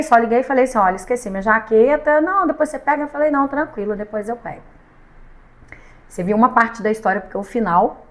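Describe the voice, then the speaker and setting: A woman with a Brazilian Portuguese accent tells a story on a studio podcast. Her voice sits a little high, and she talks in a lively, laughing way, acting out the dialogue as she goes. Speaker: podcast guest. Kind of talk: casual storytelling chat.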